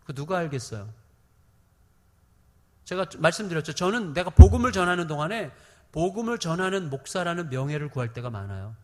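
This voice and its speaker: A middle-aged male pastor preaching a sermon to his congregation. He repeats key phrases for emphasis and shifts between loud declarations and quieter confiding asides. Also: on the high side, very animated, fairly quick. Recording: long hall reverb.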